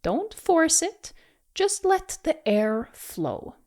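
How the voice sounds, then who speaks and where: Female language teacher, very slow delivery, expressive pitch, encouraging, rolled R pronunciation drills. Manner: demonstrates exaggerated rolled R sounds; encouraging, reassuring. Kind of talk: pronunciation lesson with pauses to repeat.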